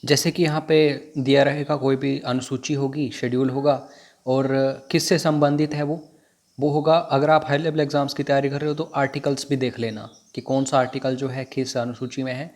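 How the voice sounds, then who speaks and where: A man's voice: mid-range voice, level tone, moderate pace, darkish tone. A man teaching an exam prep lesson, repeating which facts to memorize. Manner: repetitive, drilling what to memorize.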